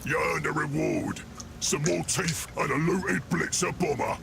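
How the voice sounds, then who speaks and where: Brutish orc boss, gruff growl, gravelly, a bit high for a brute, game music behind. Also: male voice, steady tone, unhurried, noisy background. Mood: boastful. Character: brutish boastful male orc warboss, gruff.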